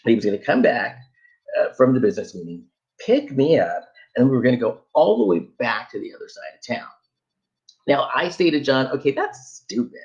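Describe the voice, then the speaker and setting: A man telling a funny personal travel story in an animated, conversational way. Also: mid-range voice, a little fast, highs cut off.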